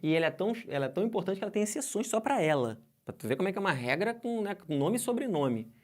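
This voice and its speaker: Lively Brazilian man teaching grammar. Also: sits high, rapid-fire. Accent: Brazilian Portuguese. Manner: lively, asks the class questions, stretches out example words. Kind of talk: exam-prep grammar lesson.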